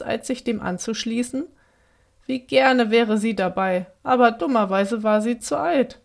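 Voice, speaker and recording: A woman reading a children's story aloud in a gentle, expressive storytelling manner. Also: a little high.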